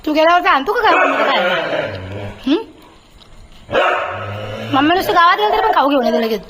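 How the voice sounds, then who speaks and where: A woman's voice: high-pitched, very animated, a little fast, a loud crowd. A woman home vlogger chatting casually in her kitchen and playfully scolding her pet.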